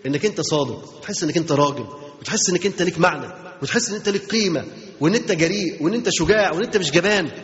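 A man's voice: sits high, lively intonation, very fast. A man with an Egyptian accent giving an Islamic religious lesson, asking his listeners rhetorical questions and repeating key phrases. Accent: Egyptian Arabic. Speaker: religious teacher. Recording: dull lo-fi recording in a reverberant hall.

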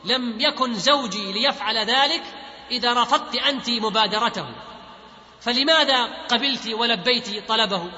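Indignant mother, as read out by a man; high, bright, roomy. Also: moderate pace, full character voice. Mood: angry. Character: angry mother of grown daughters. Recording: echoey hall, dull lo-fi.

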